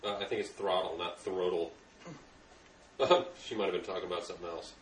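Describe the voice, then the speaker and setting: A man's voice: low voice, quick pace. A man making wry, dry remarks while chatting with friends over a video. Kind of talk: casual chat watching a video. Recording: echoey room, far from mic, faint background noise.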